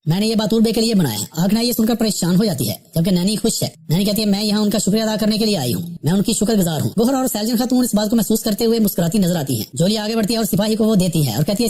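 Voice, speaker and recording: A narrator recapping a drama episode in scripted narration, reading the characters' lines in a steady retelling voice. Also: mid-range voice.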